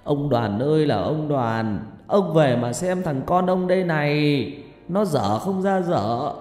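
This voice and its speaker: A man voicing an old peasant mother who laments in drawn-out wailing cries, in an echoey room with faint music. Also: a little high, animated, a little mellow, voice pushed up. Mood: lamenting.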